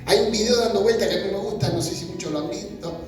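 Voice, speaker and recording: A preacher delivers a casual, chatty sermon, often breaking off and restarting phrases. The voice sits at a middle pitch. It sounds far from the microphone in a room with strong, booming echo. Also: quick pace, faint music behind. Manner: colloquial, conversational preaching with frequent restarts and acted-out quotes. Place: church gathering in person. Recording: very echoey room, speaker far from mic.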